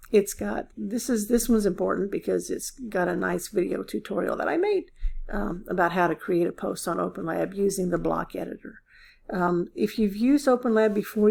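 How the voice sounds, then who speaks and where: Gravelly husky woman teacher, hoarse. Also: mid-range voice, moderate pace, darkish tone. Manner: casual, filler-heavy explaining. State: losing her voice. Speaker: instructor. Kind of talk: recorded course walkthrough.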